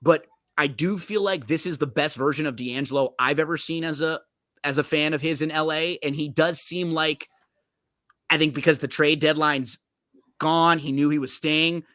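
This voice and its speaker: Bright, animated male podcast host. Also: on the high side, no room sound, clean studio sound. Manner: animated, quick, restarts often. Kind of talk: casual sports chat.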